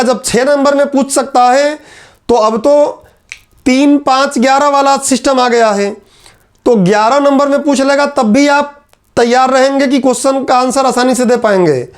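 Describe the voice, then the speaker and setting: A male teacher, dictating lecture notes point by point and repeating each line for students to write. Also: very high-pitched. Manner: repetitive, dictates points slowly then explains in quick asides.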